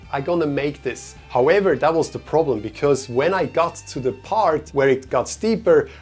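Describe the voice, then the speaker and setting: A young man who grew up in Switzerland, telling a story in a relaxed, chatty vlog style with many fillers. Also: on the high side. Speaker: vlogger. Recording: faint music behind.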